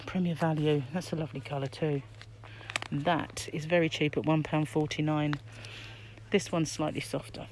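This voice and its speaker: A woman's voice: low-pitched, darkish tone. A middle-aged British woman chats casually while shopping, musing aloud, her voice muffled by a face mask. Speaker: crochet vlogger. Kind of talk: casual shopping vlog, chatty commentary. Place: inside a shop aisle. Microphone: handheld phone, behind the camera. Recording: background noise, shop ambience.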